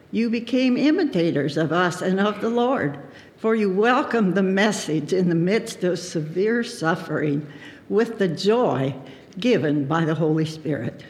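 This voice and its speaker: A man reading scripture aloud during a church service, slow and deliberate. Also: high-pitched. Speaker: scripture reader. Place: church sanctuary. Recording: long church reverb.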